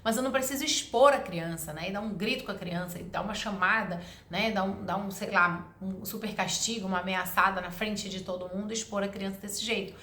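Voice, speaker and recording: A woman talks straight to the listener, earnest and emphatic as she lays out parenting advice point by point. Her voice sits at an ordinary middle pitch. The room gives a clear echo. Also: brisk, hardly any pauses, pushed and bright. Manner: earnest, emphatic, explains step by step. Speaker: parenting educator. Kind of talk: advice monologue to camera. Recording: roomy echo.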